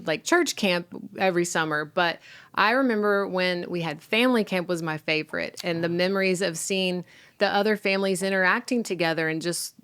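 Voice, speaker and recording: Smooth-voiced enthusiastic woman. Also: lowish voice, a bit bright. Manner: enthusiastic, affirming. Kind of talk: casual church recap chat.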